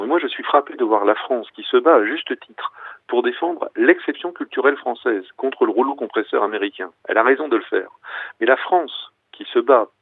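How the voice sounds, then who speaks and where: Fast-talking man on a phone line. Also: medium pitch, no room sound. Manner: passionate, argumentative. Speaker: guest author. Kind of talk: phone-in radio interview. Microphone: telephone. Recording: tinny dry phone line.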